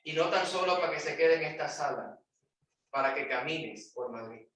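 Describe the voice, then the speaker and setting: Man, preacher, sermon, high-pitched, sharp bright tone, very echoey church hall, off-mic. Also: animated, normal speed, recorded from a distance. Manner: emphatic preaching with rhetorical questions, swinging between loud and hushed.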